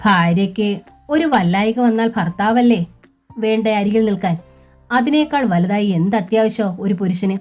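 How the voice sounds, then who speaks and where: A woman's voice: medium pitch, normal speed, darkish tone, soft background music, natural voice. A woman voicing a worried, outspoken middle-aged sister-in-law who lectures in a fretful tone, in a storybook reading.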